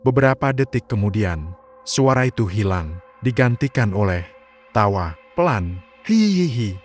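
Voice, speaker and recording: A man, narrating a scripted horror story in a slow, hushed, suspenseful way. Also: lowish voice. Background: faint music.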